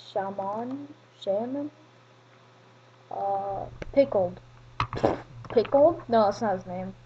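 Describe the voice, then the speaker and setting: A woman giving solo video game commentary, chatting at other players and swinging from mumbled asides to excited yelling. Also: on the high side, highs cut off, background noise. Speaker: gaming commentator. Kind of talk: solo Minecraft gameplay commentary.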